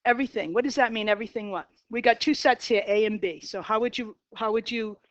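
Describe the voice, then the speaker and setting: A fairly high-voiced woman in her fifties with a Boston accent, leading a math lecture in a classroom. She talks in a chatty way, quizzing the students and wandering into side stories. The recording is dull and lo-fi, with a dry sound. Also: quick pace, no echo. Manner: chatty, asks the class questions, digresses. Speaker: math teacher.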